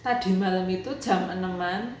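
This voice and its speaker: A woman's voice: fairly low pitch, moderate pace, darkish tone. A woman from Yogyakarta with a Javanese accent, chatting to her viewers as a vlogger, telling a story in a chatty, emotional way and switching between languages. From Yogyakarta, Java, Indonesia. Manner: chatty, emotional, mixes Javanese, Indonesian and English. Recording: very echoey room with faint ambient noise.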